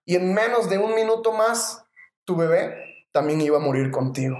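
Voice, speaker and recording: A podcaster voicing a calm, stern man who explains why he took the baby. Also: mid-range voice, normal speed, reverberant, lightly acted.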